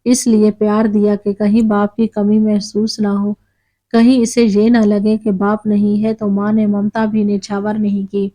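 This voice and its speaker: A woman voicing a patient, long-suffering elderly mother who speaks softly. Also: medium pitch, little pitch movement, natural voice, rough recording. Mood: sad.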